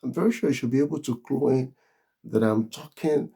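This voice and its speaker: A man with a Nigerian accent talking casually to camera in a vlog, chuckling often and pausing on drawn-out fillers. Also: mid-range voice, gravelly, dark tone, breathy edge. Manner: chuckles often while explaining. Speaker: vlogger.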